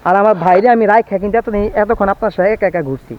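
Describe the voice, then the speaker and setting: High, fast-talking man vlogging outdoors. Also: steady tone. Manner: chatty, keeps asking viewers to look. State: voice going hoarse. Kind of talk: walking tour vlog. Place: outdoors on a windy farm estate. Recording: dull lo-fi phone audio with faint outdoor noise.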